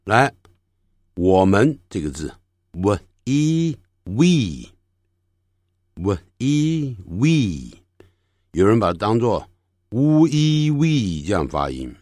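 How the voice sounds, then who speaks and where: A man leads a pronunciation lesson, lingering on each sound and repeating it in slow drills. His pitch sits low but swings widely as he demonstrates. The recording is dry and close, with no room sound. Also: expressive, no room sound. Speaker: language teacher.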